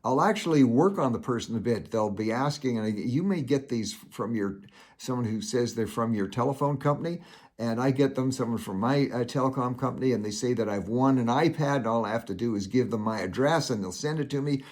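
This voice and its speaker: Older guy doing casual commentary, folksy, rambly with lots of uhs, medium pitch. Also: a little fast, a little mellow. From Canada. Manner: folksy, rambling, many "uh" fillers. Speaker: commentary show host.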